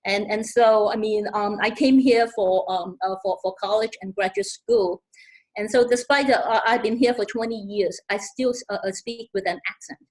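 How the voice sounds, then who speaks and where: Speaking on a webinar panel, a middle-aged Hong Kong woman with a Hong Kong accent halts often, using many fillers and repeating words. Her mid-range voice has a darkish tone, and the recording is rough.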